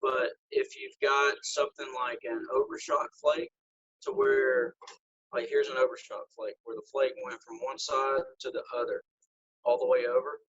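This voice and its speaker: A man's voice: mid-range voice, fairly even intonation, moderate pace, fairly bright tone. A man teaching flintknapping step by step, demonstrating with his hands as he explains. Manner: practical, demonstrating with hands as he talks. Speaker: flintknapping instructor. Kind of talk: live demonstration over a video call. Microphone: phone. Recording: lo-fi phone audio.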